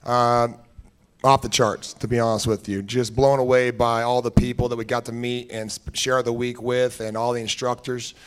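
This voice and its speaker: A young man from Washington State steps up as an auctioneering student. His voice is smooth and clear at a middle pitch, and he moves from plain talk into a quick, rhythmic bid chant. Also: little pitch movement. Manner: rapid rhythmic chant while calling bids.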